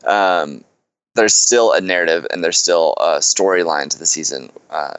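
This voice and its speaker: A man co-hosting a casual podcast chat, explaining things in a measured way and often saying "you know". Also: sits low, fairly bright tone, clear, resonant tone, dry recording. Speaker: fantasy football podcast co-host.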